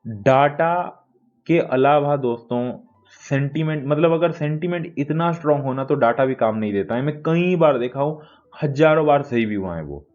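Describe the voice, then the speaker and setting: Guy explaining stock charts, kinda high voice, a bit muffled lo-fi audio. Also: expressive, normal speed, a little mellow, soft background music. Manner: conversational, keeps addressing viewers as friends. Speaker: stock market analyst. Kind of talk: casual market-analysis talk.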